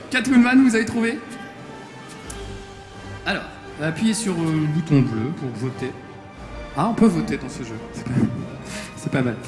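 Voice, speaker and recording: A man hosting a live fighting-game contest on a convention stage, teasing the players and cheering on the crowd through a handheld mic. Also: fairly high pitch. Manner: playful, teasing, quick to joke and cheer on the crowd. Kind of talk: live event emceeing. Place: convention stage before an audience. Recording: echoey hall with music.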